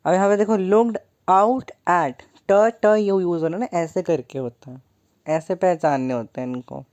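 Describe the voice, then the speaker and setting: A woman's voice: on the low side, normal speed, dark tone. A young woman teaching a poem in an online lesson, playful and joking, calling her students 'beta'.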